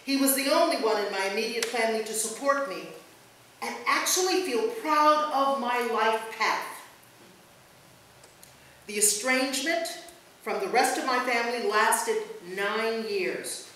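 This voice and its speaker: At a church service, a woman pastor reads a written memorial tribute at a measured pace, her voice on the high side and sharp. The sound comes from a distant mic in a very echoey church, with faint noise in the background.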